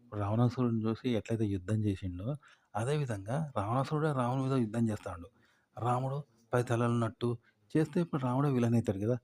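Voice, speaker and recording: Fast-talking man, dark voice. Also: lowish voice, dry recording. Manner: rambling, repeats points with everyday examples. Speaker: YouTube commentator. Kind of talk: casual explanatory monologue.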